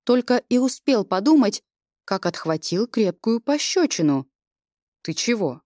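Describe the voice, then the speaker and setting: A woman reading a fantasy novel aloud in measured, expressive scripted narration. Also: on the high side, no room sound, clean studio sound. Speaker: audiobook reader.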